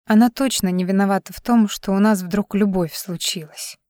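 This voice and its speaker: Heartbroken young woman, soft and subdued, as the narrator reads her. Dry, close sound. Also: mid-range voice, steady tone, normal speed, no echo, lightly acted. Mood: sad.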